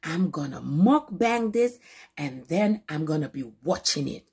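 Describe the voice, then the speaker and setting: A woman mukbang vlogger chatting playfully to her viewers, with bursts of laughter and shouts. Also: deep voice, lively intonation, measured pace, husky. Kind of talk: casual chat to camera.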